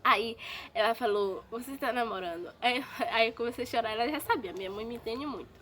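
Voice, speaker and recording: A woman's voice: a little high, brisk, a bit bright, a little hiss or hum. A woman vlogger in a casual storytime video, chatting straight to her viewers and repeating herself as she talks.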